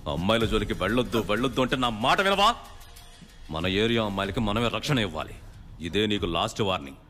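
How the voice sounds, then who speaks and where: A stern local don with a low, quick voice, laying down the law. It sounds like a movie soundtrack, with a long reverb tail and music underneath. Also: male voice, sing-song. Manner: stern, commanding, warning. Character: stern authoritative local don, middle-aged man. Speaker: local strongman elder brother.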